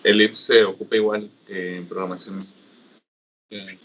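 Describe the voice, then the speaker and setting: A man's voice: low voice, little pitch movement, unhurried, a bit bright, slight background noise. A male student in an online class, asking brief, hesitant questions over a call whose audio keeps breaking up. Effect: choppy, breaking-up call audio. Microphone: online video call. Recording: dull lo-fi call audio heard from far off.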